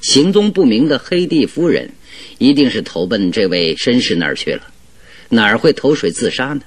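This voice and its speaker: Give the detective a lively, wide-ranging delivery with a husky edge. He is shrewd, genial and self-assured, laying out deductions expansively as in a Mandarin radio play. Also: mid-range voice, normal speed. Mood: confident, explanatory. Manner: chuckling, expansive, leisurely explaining his deductions. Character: Sherlock Holmes, shrewd, jovial, self-assured male English detective. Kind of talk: Mandarin radio drama acting.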